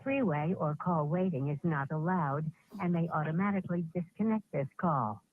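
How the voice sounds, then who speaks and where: A recorded automated announcer on a prison phone line, reading formal call prompts in a flat, measured way. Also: medium pitch. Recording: tinny husky phone line.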